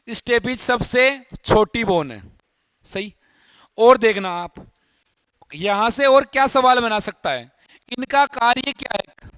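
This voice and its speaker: In a dry recording, a Rajasthani-accented man teaches biology in Hindi, using a very high and somewhat bright voice as he works through the material step by step, repeats important terms, and asks students questions.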